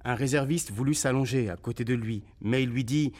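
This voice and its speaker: Reading a war memoir for a radio documentary, a man with a mid-range voice moves fairly quickly and performs dramatically and expressively, even voicing the sounds of shells and people's cries.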